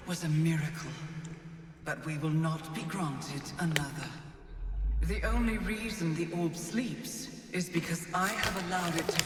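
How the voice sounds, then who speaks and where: An ageless goddess in a video game, solemn and commanding. Her stately goddess voice moves slowly through a vast echo and long reverb, sounding far away. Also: on the low side. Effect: heavy otherworldly echo. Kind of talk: scripted video game dialogue. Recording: cavernous echo, long reverb, distant, noisy.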